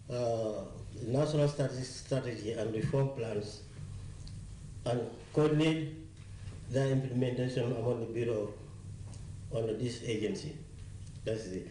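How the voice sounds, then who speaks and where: Gambian official speaking from afar, dark. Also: male voice, mid-range voice, echoey room, recorded from a distance, slight background noise, rough recording. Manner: halting, with restarts. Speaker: council chairman. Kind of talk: spoken statement to reporters.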